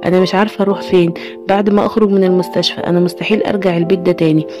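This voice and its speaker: A woman's voice: fairly low pitch, flat delivery, rapid-fire, music in the background, natural voice. A woman voicing a tearful old mother-in-law. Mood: sorrowful. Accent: Egyptian Arabic. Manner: regretful and tearful. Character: grieving older mother-in-law.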